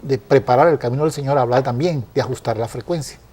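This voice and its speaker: A man earnestly explaining Bible passages in a conversational study, often pausing with fillers and restarting phrases. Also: medium pitch, a little mellow, slightly rough. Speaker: Bible teacher.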